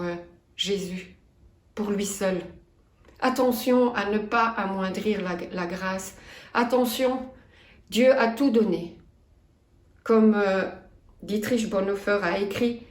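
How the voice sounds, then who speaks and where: Slow Belgian woman preaching in an echoey church. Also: mid-range voice. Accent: Belgian French. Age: 50s. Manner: earnest and measured, reading scripture aloud. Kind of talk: sermon.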